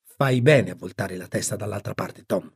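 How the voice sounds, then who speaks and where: Man as Aunt Polly, stern husky aunt. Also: on the low side, normal speed, voice pushed down, exaggerated voice. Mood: stern, angry. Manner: commanding, reproachful. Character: stern, furious, no-nonsense aunt in a storybook.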